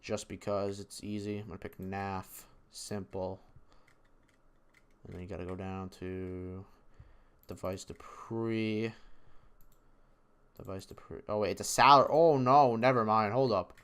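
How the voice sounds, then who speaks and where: A man casually talking through his predictions in a vlog, excitable, rambling and swearing freely. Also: lowish voice, unhurried, clean tone. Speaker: esports video creator.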